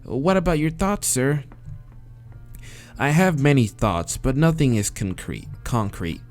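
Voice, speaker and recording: In this let's play, a man plays a visual novel and reads its dialogue out loud, reacting as he goes. His medium-pitched voice is a little slow, with soft music in the background. He mutters hesitantly and swears while picking answers, then reads steadily.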